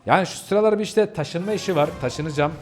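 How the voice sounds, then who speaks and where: A man's voice: sits high, fast, darkish tone, soft background music. A man hosting his gaming channel, chatting casually to viewers while he plays and bursting into yelps and laughter. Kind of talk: casual gameplay commentary.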